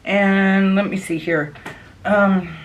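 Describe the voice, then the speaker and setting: A woman's voice: medium pitch, fairly even intonation, slow, muffled recording, slight background noise. A woman chatting casually through a makeup tutorial, chewing gum as she talks and often trailing off into a murmur. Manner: chewing gum while talking. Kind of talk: casual chat while applying makeup.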